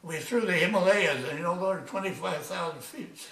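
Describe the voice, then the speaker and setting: An elderly man in his nineties with a high, bright voice reminisces as an old veteran remembering. He speaks haltingly, circling back over his words. The recording is echoey and distant from the microphone. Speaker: retired army major, war veteran. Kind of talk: reminiscing in a casual interview.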